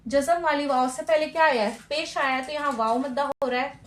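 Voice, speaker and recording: A woman with a high voice gives a patient tajweed lesson. She keeps asking questions and answering them herself, and she draws out sounds slowly to demonstrate them. The recording has a roomy echo. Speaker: Quran recitation teacher.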